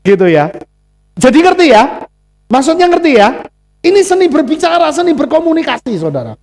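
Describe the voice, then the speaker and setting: Male pastor, Javanese accent, lively sermon delivery, pitch swinging widely. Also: brisk. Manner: animated, acts out dialogues with Javanese asides. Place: congregation church.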